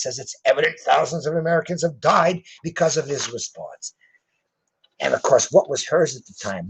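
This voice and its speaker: A man's voice: fairly high pitch, husky, low-quality recording. A man reading news headlines aloud and adding sarcastic, incredulous commentary.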